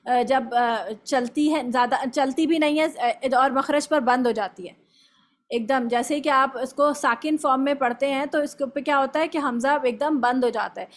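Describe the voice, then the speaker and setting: Woman, high voice, tajweed teacher, step-by-step explaining, slow demonstrations. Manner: explains step by step, often checks "okay?" and models recitation slowly. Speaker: Quran recitation teacher. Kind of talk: tajweed lesson for students.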